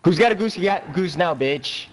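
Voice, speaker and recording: A man's voice: high-pitched, lively intonation, normal speed, crowd noise. A young man chatting casually as a teammate in a game, teasing and boastful. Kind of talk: casual gaming chat. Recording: voice chat over loud game sounds.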